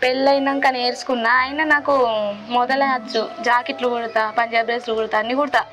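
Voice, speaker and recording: A woman's voice: fairly high pitch, level tone, fast talker, fairly bright tone, lightly acted. A young woman with a Telangana Telugu accent playing a hardworking single mother devoted to her baby son, speaking in an earnest, plain way. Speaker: lead actress.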